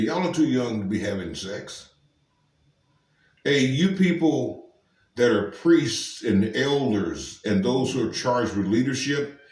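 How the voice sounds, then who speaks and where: A man's voice: mid-range voice, roomy sound, recorded from a distance. A man preaching informally to camera, emphatic and firing rhetorical questions at the listener. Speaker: street preacher.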